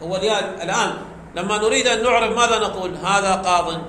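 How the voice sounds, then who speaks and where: A man's voice: high-pitched, fast, pushed and bright. A man teaching a grammar lesson, explaining step by step and quizzing his class with questions he answers himself. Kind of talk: classroom lecture. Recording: echoey room, faint background noise.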